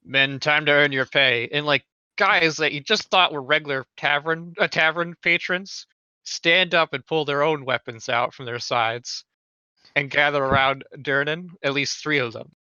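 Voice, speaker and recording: A man's voice: a little high, normal speed, sharp tone, smooth, dry recording. A man narrating as game master in a rambling way, with many fillers, in a dull lo-fi recording. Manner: rambling, full of fillers and restarts.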